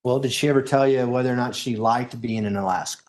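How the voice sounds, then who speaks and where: A man's voice: medium pitch, fast talker. A man working as a lawyer questions a witness in a courtroom, putting formal questions step by step.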